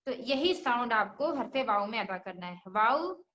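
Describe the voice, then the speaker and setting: High-voiced woman teaching Quran pronunciation. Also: expressive, a bit bright, echoey room, highs cut off. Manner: patient, repeats sounds slowly and asks rhetorical questions. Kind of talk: religious lesson for children.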